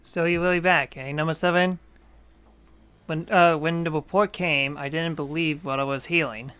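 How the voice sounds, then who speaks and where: Casting: actor as a plain-spoken soldier, bright and a bit high. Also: male voice, fairly even intonation, moderate pace, smooth, close to an everyday voice. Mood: concerned. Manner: casual, blunt. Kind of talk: video game cutscene acting.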